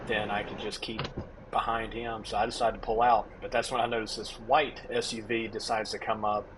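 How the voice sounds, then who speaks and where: A man's voice: lowish voice, flat delivery, fairly quick, noisy background. A man giving a casual, explanatory voice-over as a storm chaser narrating his own footage.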